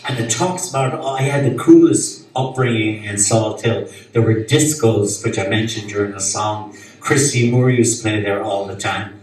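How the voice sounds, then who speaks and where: A man's voice: fairly low pitch, normal speed, darkish tone, recorded from a distance. Echoey west of Ireland man, chatting onstage. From Galway, west of Ireland. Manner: rambling, chatty asides. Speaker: singer-songwriter performing live. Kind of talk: casual stage banter between songs. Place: live performance venue with PA. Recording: very echoey live venue, guitar behind.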